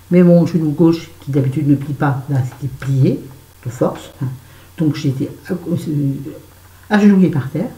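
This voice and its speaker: A woman's voice: low-pitched, warm tone. Woman gabbing to her viewers while putting on make-up, talks straight at them, swears a bit, echoey bedroom. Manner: chatty, addresses viewers directly, swears casually. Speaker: vlogger. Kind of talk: casual storytelling while doing make-up. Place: bedroom at home.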